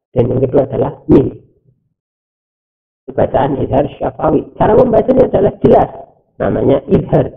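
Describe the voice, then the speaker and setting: Slow, gravelly man teaching recitation. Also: on the high side. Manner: slow, deliberate, drawn-out recitation with repetition; explains rules step by step. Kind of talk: recorded teaching video. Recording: tinny, phone-like, narrow sound.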